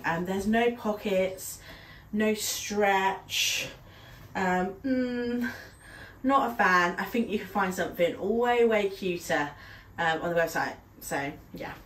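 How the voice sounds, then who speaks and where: With a cold-stuffed nose and a medium-pitched voice, this young UK fashion vlogger tries on clothes at home and chats casually, laughing softly and saying um a lot. A camera across the small room captures her from a little distance, giving roomy echo and slight background noise.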